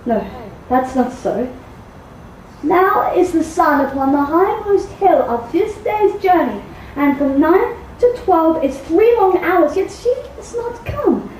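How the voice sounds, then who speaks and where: A woman acts out a restless young girl in love, eager and pleading in a very high, unhurried voice. The stage play is heard from a distance in an echoey hall with faint background noise. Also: expressive, darkish tone, heavily acted. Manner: eager, pleading, repeated urging. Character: impatient lovesick young girl. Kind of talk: stage acting.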